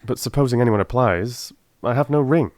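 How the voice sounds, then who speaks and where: A man's voice: mid-range voice, fairly quick, darkish tone, no room sound, clean studio sound, close to an everyday voice. A man voicing an earnest doctor and detective's companion in a dramatised audiobook, with plain, restrained questioning. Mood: curious, earnest. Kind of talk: dramatised audiobook character acting.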